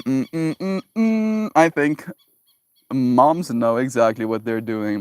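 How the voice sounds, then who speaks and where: A man talking casually to his livestream audience in an animated, joking way and laughing often. His voice sits in an ordinary middle range. The sound is close and dry, with no room echo. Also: mid-range voice. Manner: animated, laughs often, talks back to chat. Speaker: livestream host reading chat.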